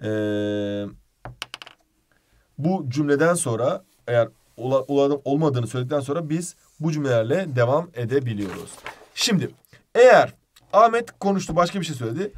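A man teaching an English lesson for a live exam-prep stream, lively and joking, switching between Turkish and English. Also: mid-range voice, normal speed, a little hiss or hum.

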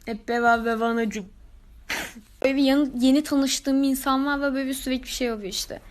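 A woman's voice: high-pitched, steady tone, brisk. A woman with a speech impediment on R sounds, chatting casually and comedically to her followers in an emphatic, exasperated, slangy way. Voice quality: speech impediment, cannot pronounce R and some letters. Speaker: social media content creator.

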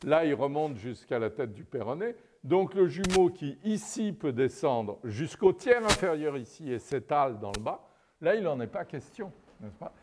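A man's voice: on the high side, very animated, moderate pace, a little mellow, slight background noise. An older man giving a live anatomy lecture while drawing at a chalkboard, digressive and wry, often checking in with his audience. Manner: digressive and wry, peppered with "n'est-ce pas".

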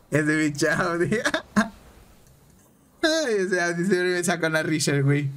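A Mexican man streaming a game, chatting excitably with viewers and repeating himself. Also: on the high side. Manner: excitable, repeats phrases, banters with chat. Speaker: gaming streamer. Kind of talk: casual live-stream chat over gameplay.

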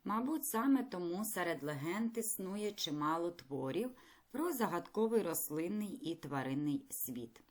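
A woman teaching a primary school lesson in a recorded video, speaking clearly, patiently and encouragingly. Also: fairly low pitch, animated, unhurried.

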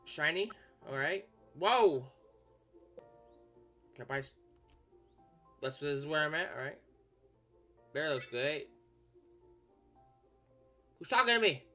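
A man giving joking, casual commentary as he plays a video game, now and then breaking into excited shouts. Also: on the high side, slow pace, pauses often, faint music behind. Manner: joking, bursts into shouts while playing. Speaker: gaming YouTuber.

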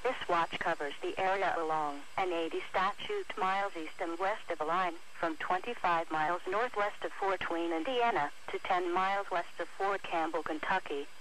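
This automated radio announcer is a synthetic female text-to-speech voice delivering a scripted weather bulletin. Her voice is lowish and fairly bright, moving at a moderate pace with few pauses over a noisy weather radio recording.

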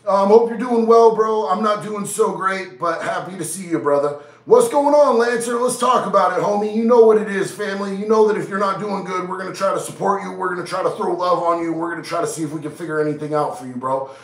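A man in his thirties hosts a casual livestream from a small indoor studio lit with neon, reading out viewers' chat in a laid-back, slangy way while stuffy and nasal from a head cold. His voice sits high and moves fast with few pauses, picked up far from the mic in an echoey room.

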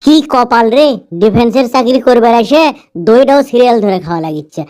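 A man's voice: very high voice, animated, fairly quick, darkish tone. A man with a northern Bangladeshi Bogura accent voicing a bumbling, greedy young army recruit in a comedy dub, whining and muttering to himself. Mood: grumbling. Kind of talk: comedy dubbing in dialect.

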